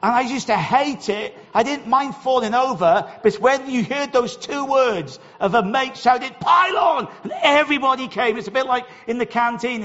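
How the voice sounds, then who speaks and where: A man's voice: very high-pitched, a bit bright, long reverb tail, lo-fi sound. A middle-aged Welsh man preaching a sermon, telling a personal story in a chatty way and often repeating his first words. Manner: conversational storytelling, repeats words when starting.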